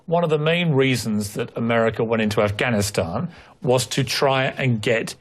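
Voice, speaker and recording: A man's voice: medium pitch, moderate pace. A man interviewing a guest on TV, pressing him with pointed, challenging questions. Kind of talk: confrontational TV interview.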